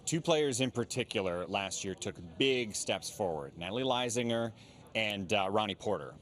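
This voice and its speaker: A man's voice: lowish voice, lively intonation, normal speed, fairly bright tone. A man interviewing a coach and players, asking playful, teasing questions. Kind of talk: sports interview.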